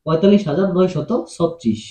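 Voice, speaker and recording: A man's voice: on the high side, lively intonation, fast talker, mellow. Patient male math tutor, echoey room. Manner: patient, repeats and asks questions to students. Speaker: math teacher. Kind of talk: classroom-style math lesson.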